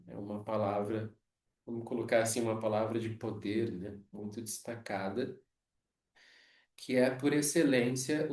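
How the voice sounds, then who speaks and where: A Brazilian man teaching a yoga philosophy class, explaining slowly and checking in with frequent tag questions. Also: fairly low pitch, darkish tone. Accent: Brazilian Portuguese. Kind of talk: lecture on scripture. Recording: echoey room, mic far off.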